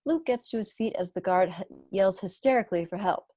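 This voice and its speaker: Speaking briskly in a dark tone at medium pitch, a young adult woman reads stage directions as narrator. The online table read is recorded in a small room at home via wired earphones on a video call. The result is a dry recording of studio quality.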